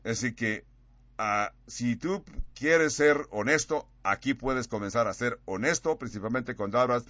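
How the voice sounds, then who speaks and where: A man preaching a sermon, acting out quoted dialogue with big swings in pitch and loudness. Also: a little slow, no room sound, dull audio.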